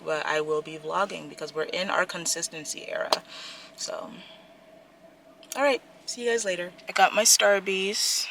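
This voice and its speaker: This is a casual talking-to-camera vlog recorded on a camera mic inside a parked car, where a young woman from around Washington DC chats, rambles and makes fun of herself. Her voice is fairly low and creaky. The background is noisy.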